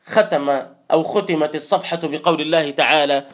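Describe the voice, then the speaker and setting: High-voiced earnest teacher. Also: male voice, fairly bright tone. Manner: recites verses slowly and drawn out, then explains briskly; earnest, exhorting listeners directly. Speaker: Quran teacher. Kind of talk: verse-by-verse Quran commentary.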